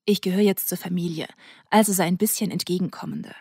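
A woman's voice: fairly low pitch, steady tone, fast, mellow, husky, dry recording, studio quality. A woman voicing a self-assured teenage boy who teases in an easygoing way, in an audiobook. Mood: teasing. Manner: easygoing, teasing. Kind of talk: audiobook character voice.

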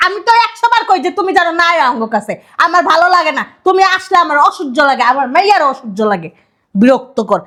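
An actress playing a sharp-tongued middle-aged stepmother who scolds sarcastically. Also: high voice, very animated, exaggerated voice. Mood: scolding. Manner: scolding, sarcastic, rapid retorts.

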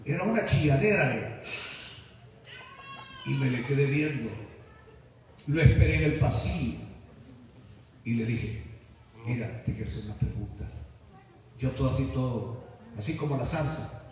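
A pastor, preaching a sermon and acting out stories with lively dialogue. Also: male voice, measured pace, long pauses. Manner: animated storytelling, acting out dialogue with big swings in pitch. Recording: echoey church hall, mic at a distance.

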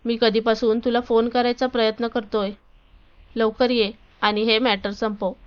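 A woman's voice: fairly high pitch, little pitch movement, moderate pace, smooth, close to an everyday voice. A woman voicing an angry, domineering young husband in a read-aloud story, in a bossy, demanding tone. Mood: irritated, demanding. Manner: shouting, bossy. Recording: dull lo-fi recording.

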